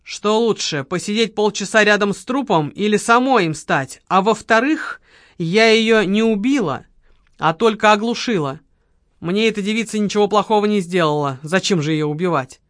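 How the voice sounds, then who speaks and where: A woman's voice: mid-range voice, lively intonation, moderate pace, dry recording, clean studio sound, natural voice. A woman reading an audiobook, voicing a cold young woman with a gun who gives curt, harsh orders. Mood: cold commanding. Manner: curt, commanding.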